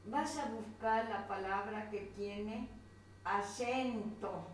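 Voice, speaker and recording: A woman teacher with a Colombian accent and a mid-range voice works through a grammar worksheet with a pupil, taking it slowly, repeating things and pointing at every item. She is captured from a distance, off-mic in a very echoey room, with faint noise behind her.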